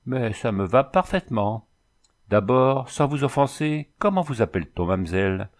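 A man's voice: lowish voice, expressive, moderate pace, lightly acted. A man voicing a boisterous, flirtatious former cavalry soldier who talks in boastful, rattling exclamations.

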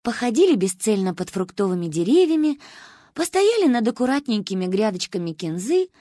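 A woman narrating an audiobook in a playful, animated storytelling manner. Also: mid-range voice, a little fast, no room sound, clean studio sound.

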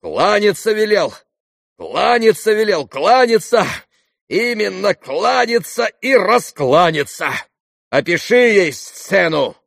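A man's voice: high-pitched, sing-song, takes it slowly, creaky, a bit bright, no echo, clean studio sound, pitched above the performer's own voice, exaggerated voice. A male reader voicing a wild, passionate young man who pants and declares fiercely. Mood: feverish.

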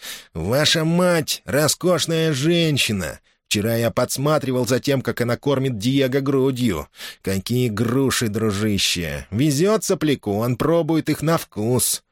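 A man's voice: mid-range voice, animated, moderate pace, no echo, clean studio sound, close to an everyday voice. A man playing a spiteful hunchbacked servant. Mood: leering.

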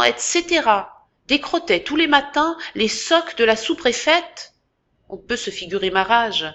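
A woman's voice: fairly high pitch, a bit bright. A woman narrating a classic novel as an audiobook, with dramatic, varied emphasis, in a dull lo-fi recording. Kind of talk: expressive literary reading.

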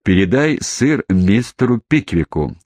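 A man voicing a hot-tempered elderly male host who shouts and blusters in a storybook reading. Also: lowish voice, animated, no room sound, clean studio sound. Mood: dry. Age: older. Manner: gruff, quick to anger.

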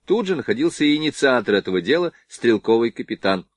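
A man narrating a novel as an audiobook, in a measured literary reading. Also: medium pitch, sing-song, dry recording. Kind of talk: scripted narration.

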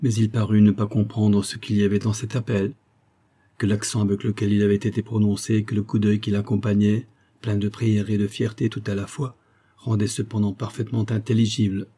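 Man, audiobook narration, low voice, mellow and husky. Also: flat delivery, a little fast. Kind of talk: scripted narration of a novel.

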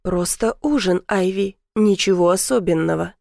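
A woman's voice: on the low side, moderate pace, creaky, dark tone, dry recording, clean studio sound. A woman voicing a confident, playful young man with a resonant voice in an audiobook, easygoing and persistent. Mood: charming. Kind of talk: audiobook character voice.

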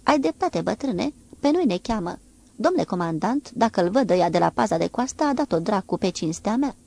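A woman reading the lines of a gruff, cheeky male navy helmsman in an audiobook, in rough, joking sailor talk. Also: medium pitch, expressive, darkish tone. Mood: excited.

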